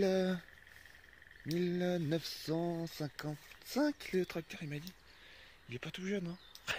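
A man's voice: mid-range voice, slight background noise. A French man chatting casually in a vlog from a farm and his van, rambling with many fillers and restarts, groggy before his coffee. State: groggy, just woke up. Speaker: vlogger.

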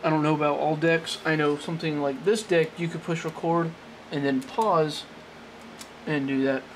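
An amateur presenter gives an unscripted tech how-to at a desk in a small indoor room, his slightly high voice level, casual, halting, rambling and self-correcting. The handheld camera recording it sits close behind him off-screen and picks up faint noise.

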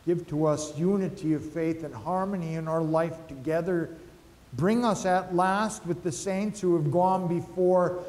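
A male pastor slowly and solemnly reciting liturgical prayers, heard with a long cathedral echo in a large church. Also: high-pitched, a little mellow. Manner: slow, measured, solemn recitation. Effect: cathedral echo, long church reverb. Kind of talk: liturgical prayer and communion rite. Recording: echoey church hall with faint music.

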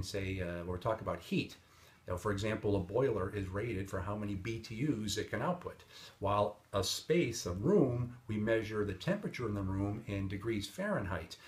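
Man explaining acoustics with a lapel mic. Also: on the low side. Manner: explanatory, uses everyday examples and frequent "uh" fillers. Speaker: HVAC sales engineer presenter. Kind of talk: instructional video lesson. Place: indoor studio with plain grey backdrop.

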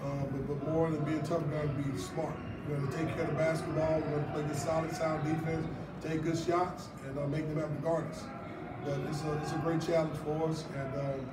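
A middle-aged man, a head basketball coach, answering questions at a post-game press conference in a measured way with many filler words. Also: fairly high pitch, level tone, over loud music. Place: press room, seated at table before a sponsor backdrop. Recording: roomy distant sound with loud background noise.

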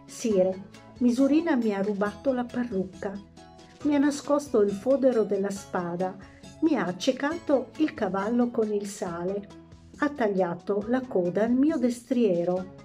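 A woman's voice: medium pitch, expressive, a little slow, dark tone, faint music behind, lightly acted. A woman voicing a male courtier who lists his complaints in an aggrieved way.

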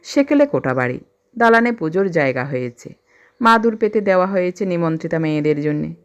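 Brief: a woman narrating a classic tale with feeling; low voice, muffled recording. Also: brisk. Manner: expressive, emotional reading. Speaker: storyteller. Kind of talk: reading a classic story aloud.

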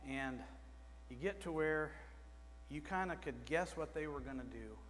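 A middle-aged man preaches from a pulpit in a small church. His voice sits a little high, and he talks to the congregation in a plain, conversational way, asking them questions. The room's long reverb trails behind his words, with a faint electrical hum underneath. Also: animated, unhurried, fairly bright tone. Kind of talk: sermon. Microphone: pulpit microphone.

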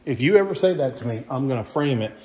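Filming on a phone as he tours an empty house, mostly inside but partly outdoors, a middle-aged Kentucky real estate agent keeps up casual, folksy walkthrough talk. He's animated and talks fast in a mid-range, slightly mellow voice. Salesy asides and restarts pepper his chatter.

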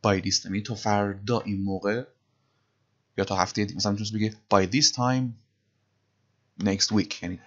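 Low-voiced guy explaining grammar, slow careful word-by-word reading, kinda dull lo-fi sound. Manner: explains patiently, reads English phrases slowly word by word. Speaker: English teacher. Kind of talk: casual grammar lesson in Persian.

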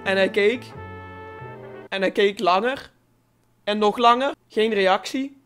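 A sixteen-year-old boy from Limburg in the Netherlands, talking in an animated, exclamatory, sweary way as he hosts a casual reaction vlog. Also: sits high, takes it slowly, clear, resonant tone, faint music behind. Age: 16, teenager. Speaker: YouTuber, host. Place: small bedroom studio, indoors. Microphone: desk condenser mic, close.

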